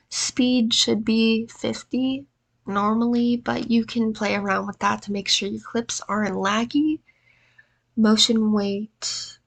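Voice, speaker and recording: A woman presents a video editing tutorial at medium pitch, with vocal fry and a fairly bright tone. Allergy congestion and exhaustion come through as she talks in a relaxed, self-mocking way.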